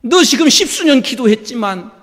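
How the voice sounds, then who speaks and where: A man's voice: very high voice, expressive, normal speed, fairly bright tone, big-room sound, full character voice. A man voicing Satan as a sneering male tempter who mocks the listener's faith. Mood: taunting. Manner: taunting, mocking.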